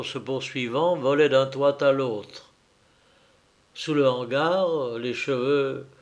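A man reading a literary story aloud as narrator in a measured, deliberate way. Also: medium pitch. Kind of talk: scripted audiobook narration.

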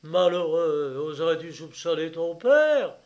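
A man's voice: high voice, animated, extremely slow, dull audio, voice pushed up, full character voice. A man playing a blustering, furious old land dealer. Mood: blustering anger. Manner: loud, blustering, indignant shouts. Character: angry, frightened middle-aged male land dealer.

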